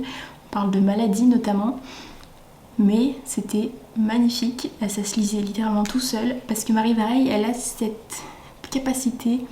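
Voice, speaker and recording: A young woman chatting enthusiastically as a book vlogger, often dropping into soft breathy asides. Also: medium pitch. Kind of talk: casual chat. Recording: echoey room with faint ambient noise.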